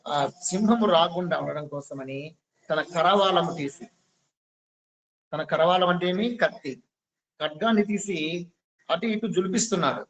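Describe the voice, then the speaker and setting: A male spiritual teacher tells a story in a devotional discourse, chatting with his listeners and stopping to ask them questions. His voice sits a little high for a man and stays relaxed and conversational. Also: normal speed, pauses often. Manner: conversational, quizzes the audience.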